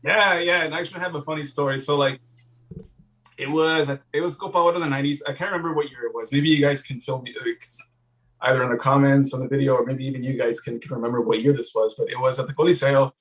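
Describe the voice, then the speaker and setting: A man's voice: medium pitch, fairly even intonation, fast talker, a bit bright, far from the mic, rough recording. A man co-hosting a podcast, telling a childhood story in a rambling, casual way and slipping into Spanish. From Guatemalan-American family, Southern California. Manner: rambling, mixes English and Spanish. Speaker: podcast co-host.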